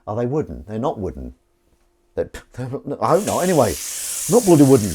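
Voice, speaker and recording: Chatty man, lively voice. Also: mid-range voice, fairly quick, slight background noise. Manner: chatty, self-deprecating, rambling with restarts. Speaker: streamer washing up live. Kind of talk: casual live-stream chat. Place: home kitchen at the sink.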